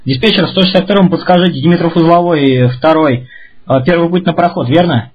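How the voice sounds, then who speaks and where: Train driver over a two-way radio: a quick-talking man with a husky voice, clipped and formal, reading orders back. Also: a little high, muffled recording. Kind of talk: railway radio exchange.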